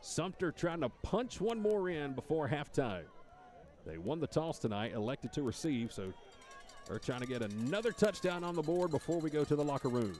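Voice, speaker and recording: A man calling high school football play-by-play, rising to shouts on big plays. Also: lively intonation, normal speed. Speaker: play-by-play announcer.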